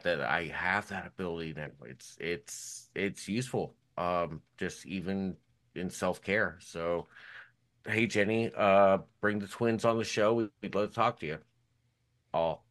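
A man's voice: low voice, fairly even intonation, a little slow, fairly bright tone. A man on a podcast talking casually and rambling with many fillers. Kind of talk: casual chat.

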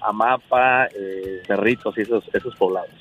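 A man calls in to a radio show and talks in a relaxed, plain-spoken way. His line sounds dull and muffled. Faint music plays underneath. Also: lowish voice, normal speed. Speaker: radio caller. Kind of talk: phone call to a radio show.

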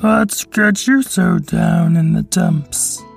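A gravelly, deadpan female squid monster, as a woman storyteller puts her on, talking slowly and wryly. The sound is dry and close, with faint music behind. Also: on the low side, pitched above the performer's own voice, full character voice. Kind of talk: storybook character voice.

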